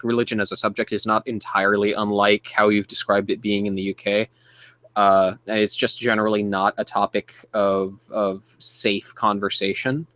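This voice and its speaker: A man hosting a podcast, chatting casually with formal, big-word diction and halting restarts. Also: lowish voice, sharp tone, dry recording. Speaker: podcast host.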